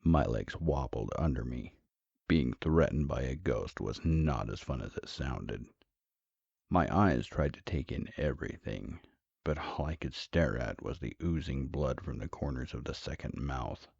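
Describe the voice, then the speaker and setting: Brief: very low, gravelly male narrator for horror tales, dry and slightly lo-fi. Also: lively intonation, a little mellow, no echo. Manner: measured, dramatic. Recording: dull, dry, lo-fi.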